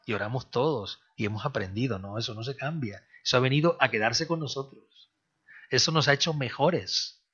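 Emphatic pastor with a bright, husky voice. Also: male voice, mid-range voice, a little fast. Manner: emphatic, swinging from loud exhortation to hushed prayer. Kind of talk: sermon. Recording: dull lo-fi sound.

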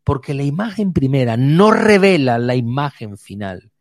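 A man preaching a sermon, vivid, moving between quick runs and slow emphatic words. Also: mid-range voice, big pitch swings, a little mellow, dry recording, studio quality.

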